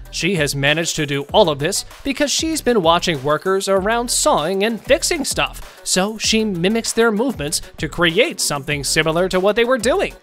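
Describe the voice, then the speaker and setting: A narrator reading a scripted countdown video in a lively, sing-song way. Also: medium pitch.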